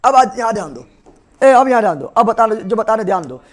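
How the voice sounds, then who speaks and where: A young male teacher, giving a classroom biology lecture and drilling students with repeated quick questions. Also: high voice, sing-song.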